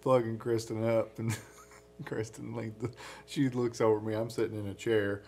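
A man's voice: lowish voice, flat delivery, normal speed, a little mellow, slight background noise. A man co-hosting a podcast in casual chat, often laughing as he tells stories. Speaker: podcast co-host.

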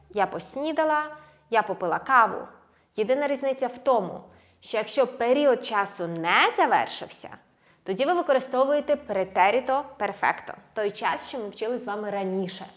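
A woman teaching Spanish grammar in a language lesson, alternating explanations with slowly drilled verb forms. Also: on the high side, very animated. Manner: switches between Ukrainian and slow, drilled Spanish words; clear, measured explaining with stressed endings.

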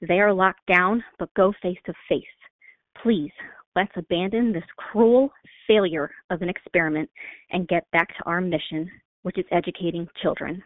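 A woman's voice: lowish voice, fairly even intonation, moderate pace, dry recording. A woman resident making an insistent, demanding public comment by phone. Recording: tinny phone line.

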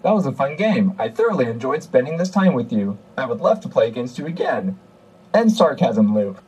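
A man's voice: mid-range voice, very animated, a little fast, darkish tone, slight background noise, lightly acted, low-quality recording. A man putting on a sarcastic robot voice. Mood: mock-cheerful sarcastic. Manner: sarcastic robot voice, dry and sulky. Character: sarcastic, grumpy male game-computer robot opponent. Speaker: computer opponent voice in his own game.

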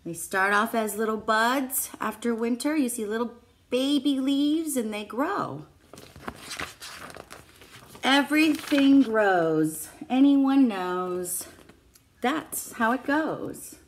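In a small classroom, a middle-aged preschool teacher reads a picture book to young kids, speaking slowly in a slightly high voice with simple, child-directed phrases and questions for her audience. A phone or tablet held at arm's length records her, adding a little hiss or hum.

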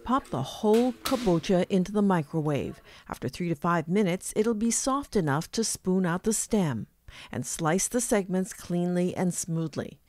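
A woman's voice: fairly low pitch, lively intonation, moderate pace, darkish tone, dry recording. A woman giving an upbeat, scripted voice-over for a short food segment. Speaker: segment narrator.

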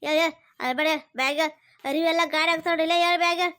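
A woman's voice: extremely high pitch, steady tone, racing. A woman voicing a loving village mother in a cartoon, speaking with a North Karnataka Kannada accent and coaxing her daughter tenderly. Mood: soothing. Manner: tender, coaxing, scolding gently. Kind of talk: cartoon voice acting.

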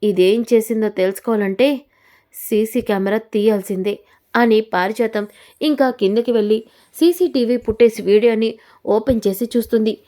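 A woman recounts a drama serial episode in a storytelling voice that sits a little high. She reads the characters' lines with dramatic shifts in feeling. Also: moderate pace, mellow. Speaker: narrator retelling a TV serial episode. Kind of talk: storytelling recap with voiced quotes.

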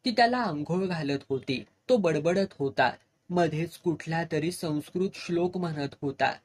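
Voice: mid-range voice, normal speed. A storyteller narrating a tale and voicing its village characters in dialect. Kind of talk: Marathi story narration with voiced dialogue.

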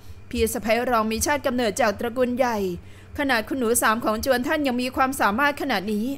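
A woman's voice: fairly high pitch, fairly quick, natural voice. A woman reading the part of a sly, haughty young noblewoman who speaks with thin, mocking politeness. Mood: needling. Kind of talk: audiobook character reading.

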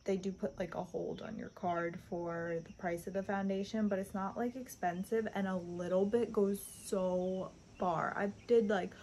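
A woman's voice: mid-range voice, fairly even intonation, moderate pace, hardly any pauses, warm tone, a little hiss or hum. A young woman chatting through a casual makeup review vlog, upbeat and full of fillers. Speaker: beauty vlogger.

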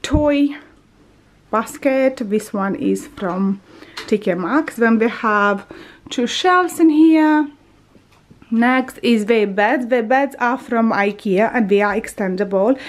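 Speaking slowly in a voice on the high side, a woman in her thirties narrates a relaxed tour of her home's bathroom and bedroom. She's a vlogger filming on a handheld camera as she moves, talkative and prone to correcting herself.

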